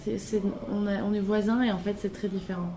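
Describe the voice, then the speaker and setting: A young woman, a podcast guest, talking casually in a hostel and often pausing to search for words. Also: mid-range voice, steady tone, noisy background. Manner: hesitant, pauses to search for words. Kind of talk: casual conversation.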